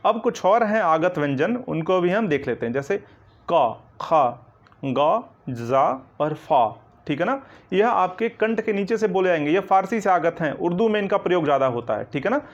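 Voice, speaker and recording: A man with a fairly high voice teaches Hindi grammar in an online coaching lecture. He goes step by step, keeps checking in with the listener, and answers his own questions. The recording sounds dull and lo-fi. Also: lively intonation, brisk. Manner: explains step by step, repeating "ठीक है ना" and asking questions back.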